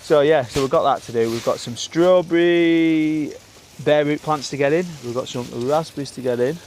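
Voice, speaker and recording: A man's voice: a little high, normal speed, darkish tone, a little hiss or hum. A man, vlogging casually and chatting in a rambling way while working outdoors on his allotment and in a greenhouse. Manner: chatty and rambling, with filler words. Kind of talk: casual vlog chat.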